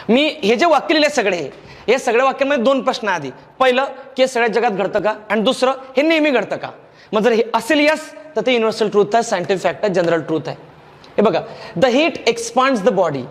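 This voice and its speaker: A man's voice: high voice, in a large hall. A man with a Marathi accent teaching a grammar lecture, explaining patiently, repeating key phrases and checking that students follow. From India.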